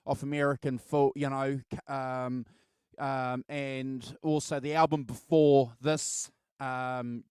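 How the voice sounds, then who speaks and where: A middle-aged man hosting a casual music album chat, halting and repeating words as he reminisces. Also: mid-range voice, level tone, a little mellow, clean tone, dry recording, clean studio sound. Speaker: host of a music album show.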